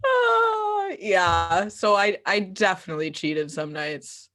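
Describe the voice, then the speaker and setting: An American woman, both actor and playwright, answers questions after a show in a casual post-show chat. Her medium-pitched voice moves slowly, yet she comes across as giggly, animated, and informal.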